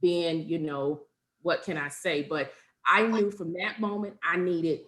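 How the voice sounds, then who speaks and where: A woman's voice: lowish voice, fairly even intonation, a little slow, a bit bright. A woman on a webinar panel telling a candid personal story, acting out what people said and laughing now and then, heard over a video call. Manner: candid storytelling, acts out quotes, laughs often.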